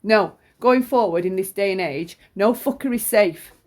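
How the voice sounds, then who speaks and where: A woman's voice: mid-range voice, moderate pace, darkish tone. A middle-aged woman, chesty with flu, gives an informal, opinionated monologue in a blunt, sweary, emphatic way, often repeating herself. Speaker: true-crime commentator.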